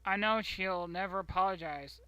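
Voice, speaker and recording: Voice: medium pitch, normal speed, bright, forceful tone, clean tone, dry recording, low-quality recording. A streamer casually reading a post aloud and commenting, rambling with muttered, whispered asides.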